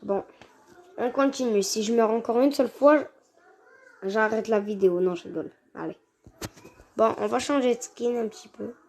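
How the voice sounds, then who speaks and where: A woman doing casual gameplay commentary, excitable and quick to gripe and exclaim at the game. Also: on the high side. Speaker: gaming video creator. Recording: noisy home recording with clicks.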